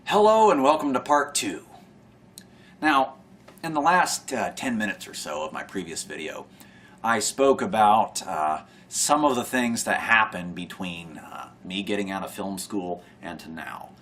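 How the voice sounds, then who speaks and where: A man's voice: fairly low pitch, very animated, a little slow, a bit bright, slight background noise. A young man talking to camera in a rambling, sardonic monologue, sighing often and trailing off mid-thought. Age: young adult. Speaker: vlogger.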